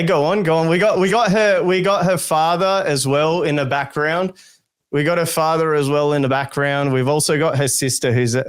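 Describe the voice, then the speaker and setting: A man's voice: medium pitch, no room sound. A man hosting a podcast interview, chatting casually and laughing easily. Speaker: podcast host.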